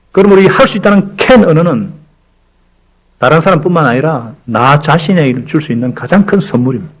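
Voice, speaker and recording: A man preaching a Sunday sermon as pastor in a church. He leads the congregation through call-and-response recitations and tells stories in an animated way, acting out the quotes. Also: fairly high pitch, husky, low-quality recording. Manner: animated storytelling with acted-out quotes. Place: church sanctuary.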